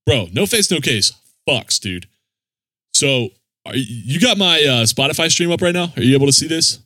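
Male music podcast host, animated pitch, casual and sweary bro slang, dry close recording. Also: normal speed, dry recording. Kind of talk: casual chat.

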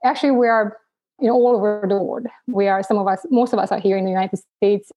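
Middle-aged woman from Romania, mellow-toned interview guest with frequent restarts. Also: mid-range voice, fairly even intonation, fast, faint music behind. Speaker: physician guest. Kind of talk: casual interview talk.

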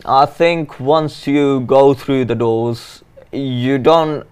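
A man's voice: mid-range voice, steady tone, very slow, a little mellow, clean tone. A man in his twenties talking in a casual conversation about his engineering apprenticeship, earnest and often restarting sentences. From Finland. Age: 20s.

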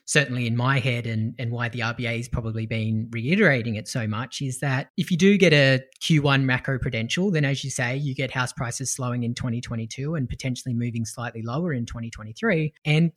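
A man with a medium-pitched voice co-hosts a finance podcast. He gives analytical market commentary in a conversational style, working through his reasoning step by step. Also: brisk, few pauses, fairly bright tone. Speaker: podcast co-host.

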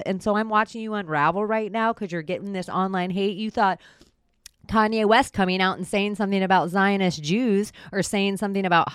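A woman's voice: lowish voice, clear, resonant tone, no echo. Blunt woman ranting in a dry recording. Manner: blunt, colloquial, sarcastic. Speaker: vlogger. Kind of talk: opinionated monologue rant.

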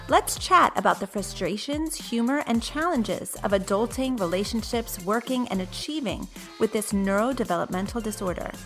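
A woman's voice: on the high side, sharp tone. A woman hosting a podcast as an encouraging, upbeat life coach, chatting directly to her listeners.

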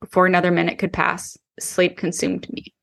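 Woman, author narrating, low pitch, flat delivery, steady measured reading. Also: vocal fry. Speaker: author reading her own novel. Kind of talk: first-person audiobook narration.

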